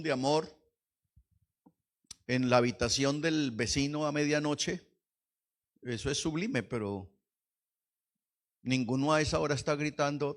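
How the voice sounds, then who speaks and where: A man preaching a lively Pentecostal sermon in church, swinging from hushed asides to shouts and quizzing the congregation. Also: fairly high pitch. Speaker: pastor.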